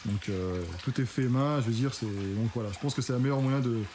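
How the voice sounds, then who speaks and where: For a fitness channel, a man casually interviews a farmer, talking fairly quickly in a mid-range voice. He stays chatty and encouraging, thinking out loud along the way, with noisy surroundings audible throughout.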